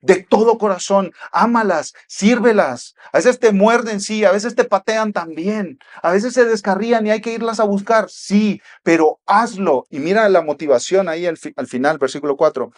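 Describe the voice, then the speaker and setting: High-voiced, emphatic male preacher. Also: normal speed, hardly any pauses. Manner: emphatic, repeats rhetorical questions, swings from loud to hushed. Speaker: pastor. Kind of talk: sermon.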